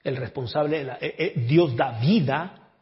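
A man preaching a sermon, moving from hushed storytelling to loud, fervent exclamations. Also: fairly high pitch, normal speed. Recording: dull lo-fi recording.

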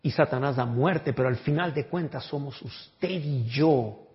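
A man preaching a sermon, moving from hushed storytelling to loud, fervent exclamations. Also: mid-range voice, unhurried. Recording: dull lo-fi recording.

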